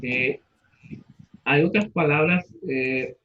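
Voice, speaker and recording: A man's voice: on the high side, slow pace, phone-quality sound. A man teaching a class, repeating students' answers and asking them questions in turn. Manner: patient, repeats answers back and asks questions.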